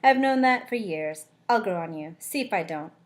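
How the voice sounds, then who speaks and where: A woman reading the lines of a cocky male vampire investigator from a novel, gruff when rushed and teasing otherwise, in her own voice. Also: medium pitch, expressive, close to an everyday voice.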